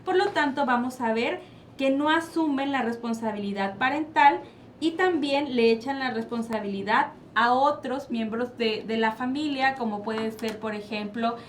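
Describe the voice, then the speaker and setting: Woman, Mexican accent, psychologist, explanatory, higher voice, light noise. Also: moderate pace. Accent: Mexican Spanish. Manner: explanatory, asks and answers her own questions. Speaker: child psychologist guest. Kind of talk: panel discussion. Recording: faint background noise.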